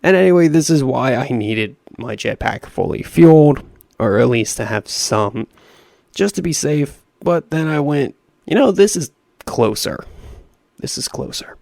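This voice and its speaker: A young man with a raspy voice giving rambling, self-deprecating commentary over a video game. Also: mid-range voice, animated, measured pace, a little mellow, dry recording, clean studio sound. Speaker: gaming YouTuber. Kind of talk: casual gameplay commentary.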